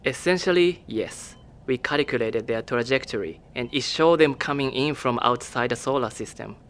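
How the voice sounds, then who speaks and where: In an audio drama, a man with a mid-range, natural voice plays a cool, evasive government official. He speaks calmly, formally, and in a measured way.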